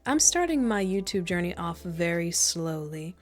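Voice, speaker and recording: A woman ASMR creator talking in a soft, proper and a little monotone whispered role-play manner, slightly nasal, cooing endearments. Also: fairly low pitch, normal speed. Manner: coos endearments like darling.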